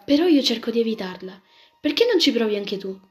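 A woman voicing a young gendarme in love who speaks gently, with music playing behind. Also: on the high side, very animated, fairly quick. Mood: gentle. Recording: background music throughout.

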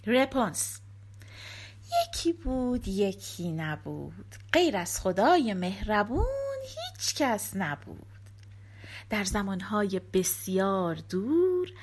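A woman narrating a folk tale for a storybook recording, in an expressive, lilting way. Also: mid-range voice, husky.

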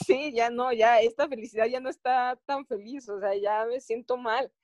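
A woman's voice: a little high, steady tone, moderate pace, darkish tone, no room sound. A woman with a Mexican accent, an athlete recounting her experiences in a casual interview, often stopping and restarting her phrases. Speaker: Olympic athlete guest.

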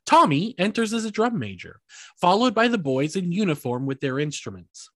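A man's voice: high-pitched, big pitch swings, normal speed, dry recording. A man co-hosting a podcast, recapping a musical's plot and chatting in a wry, hedging way. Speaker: podcast co-host. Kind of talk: casual chat and plot recap.

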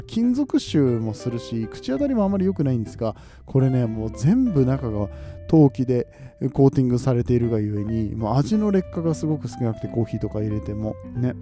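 A man from Nagoya, Japan, hosting his podcast in a relaxed, chatty way, often chuckling and asking listeners questions. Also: mid-range voice. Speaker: podcast host. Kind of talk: casual solo chat.

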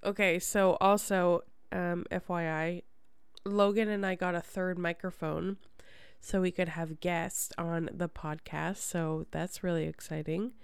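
A woman's voice: on the low side, steady tone, a little slow, gravelly, smooth, no echo. A woman hosting a podcast in casual chat, with a congested, nasal voice and a chatty, rambling manner. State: congested from a sinus problem. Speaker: podcast host.

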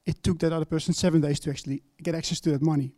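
A man's voice: on the high side, fairly even intonation, racing, mellow, dry recording, clean studio sound. A man asking a question at a panel discussion, hesitant, with restarts and fillers.

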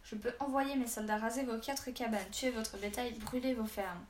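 A woman's voice: fairly high pitch, steady tone, moderate pace, lightly acted. Woman voicing an irascible haughty baron. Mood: threatening. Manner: haughty, erupts into shouting. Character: irascible arrogant male baron, middle-aged noble. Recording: roomy echo, faint background hiss.

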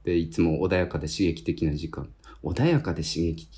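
A man from Tohoku in Japan with a slightly husky voice, chatting casually as a podcast co-host. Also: low voice, moderate pace, mellow. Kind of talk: casual chat.

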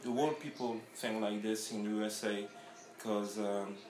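A man who grew up in France, a guest in a casual interview, talking haltingly and searching for his words. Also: fairly low pitch, little pitch movement, a little mellow, a little hiss or hum. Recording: roomy echo.

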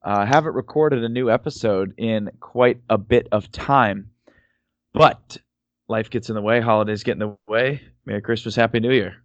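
Low-voiced young man joking on a podcast. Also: moderate pace, no room sound, dull audio. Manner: joking, upbeat banter. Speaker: podcast co-host. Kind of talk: casual chat.

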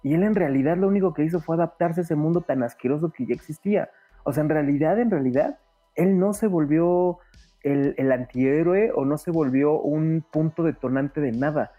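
A man's voice: on the high side, moderate pace, dull audio, soft background music. A man, a guest on a podcast, talking at length in a casual discussion and thinking aloud with plenty of fillers. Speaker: guest film commentator.

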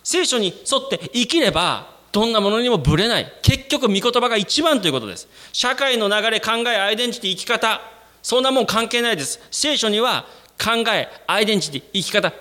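A man preaching a sermon to his congregation, speaking to them directly. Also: a little fast. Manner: animated, addresses the congregation directly; acts out quoted voices with sudden jumps in pitch. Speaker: pastor.

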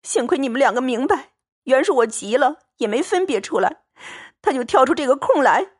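Fierce young maid read by a woman, sharp, scolding tongue, high voice swinging wildly, dry audiobook sound. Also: very animated, normal speed, breathy edge. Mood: furious.

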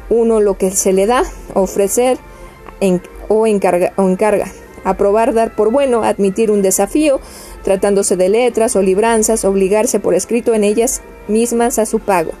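Mellow woman reading dictionary entries. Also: medium pitch, moderate pace, soft background music. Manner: stumbles and restarts words while reading; steady list-like reading cadence.

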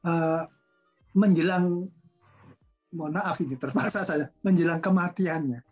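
A man's voice: fairly high pitch, a little slow, darkish tone, slightly rough, faint music behind, poor audio. An older man from Madura, a language researcher speaking at a panel discussion, wandering from one story to the next with lots of fillers. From Madura, Indonesia. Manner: discursive, digressive storyteller with frequent fillers and laughs.

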